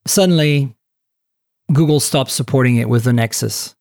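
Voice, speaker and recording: A man hosting a casual tech podcast, talking in an animated, chatty way with lots of fillers and restarts. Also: mid-range voice, moderate pace, dry recording, studio quality. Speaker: podcast host.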